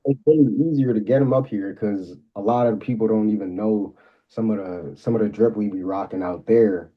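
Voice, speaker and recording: A man's voice: on the low side, normal speed, highs cut off. A young man from Maryland, a guest rapper talking in a laid-back, slangy, rambling way with lots of fillers. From Maryland, USA. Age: young adult. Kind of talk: casual interview.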